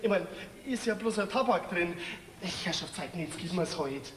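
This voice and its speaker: A man's voice: high voice, expressive, normal speed, a bit bright. A young actor with a Bavarian accent playing an evasive, stammering young man in a folk theater comedy. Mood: nervous evasive. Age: young adult. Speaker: young fiancé in a stage comedy. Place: theater stage. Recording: roomy stage sound from far off, noisy.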